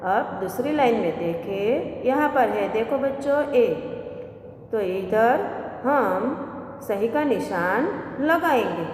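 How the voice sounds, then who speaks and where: Woman primary teacher, very slow and patient, lively high voice, echoey room. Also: slight background noise. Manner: slow, patient, drawn-out letter-by-letter explanation. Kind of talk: recorded Hindi lesson for young children.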